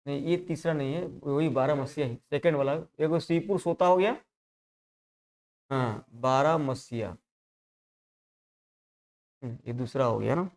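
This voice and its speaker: A man's voice: fairly high pitch, a little fast, few pauses, a little mellow. A male teacher giving a live exam-prep class, repeating terms and coaxing students with constant checks. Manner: repetitive, coaxing, peppers lines with "hai na".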